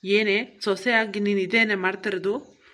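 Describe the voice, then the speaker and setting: A woman's voice: medium pitch, steady tone, normal speed, fairly bright tone, natural voice. Woman doing an angry young husband. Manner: scolding, impatient. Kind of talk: cartoon voice acting.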